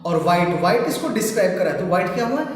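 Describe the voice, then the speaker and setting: Man, teacher talking to children, high voice, long echo, distant mic. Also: expressive, very fast. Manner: explains with many rhetorical questions and repetitions; addresses students as children. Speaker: English teacher. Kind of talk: classroom lesson in Hindi. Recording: echoey room from a distant mic.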